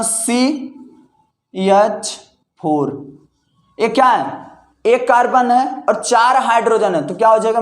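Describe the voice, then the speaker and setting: High-voiced tutor man in an echoey room. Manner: repeats questions and answers them himself. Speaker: chemistry tutor. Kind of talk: classroom-style lesson.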